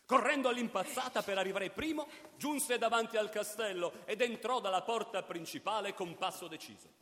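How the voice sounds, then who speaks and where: A man narrating a fairy tale in an expressive storytelling manner. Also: high voice, moderate pace. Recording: long hall reverb.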